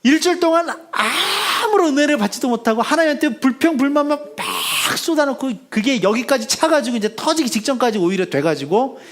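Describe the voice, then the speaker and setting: A male pastor tells a story in his sermon with a high, lively voice that swings widely. He acts out the characters as he goes, and grows hushed and soft near the end. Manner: animated storytelling, acting out quoted voices; drops to a hushed, soft delivery when closing.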